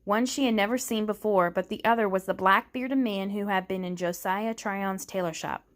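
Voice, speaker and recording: A woman's voice: mid-range voice, fairly even intonation, normal speed. Woman reading a novel aloud. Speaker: reader.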